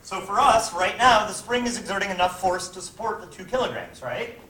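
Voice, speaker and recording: A man's voice: sits high, lively intonation, brisk, pushed and bright. A male physics teacher lecturing a class, often checking in with "right?" and "okay?". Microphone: camera at a distance. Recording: echoey classroom, distant mic, faint noise.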